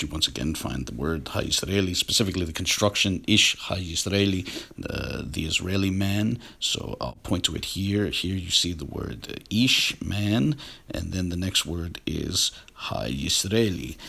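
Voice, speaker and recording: A man giving a measured, scholarly walkthrough of sources shown on screen. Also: low-pitched, creaky, a bit bright, breathy edge. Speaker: video essayist on biblical words. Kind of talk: screen-share explanation.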